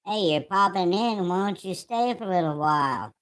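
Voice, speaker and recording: A man talking through a voice changer that shifts his voice up to a higher, womanlike pitch while he chats with viewers on a livestream. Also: lively intonation, moderate pace, fairly bright tone. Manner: chatty, greeting viewers. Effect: voice changer raising the voice to a higher, womanlike pitch. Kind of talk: casual livestream chat.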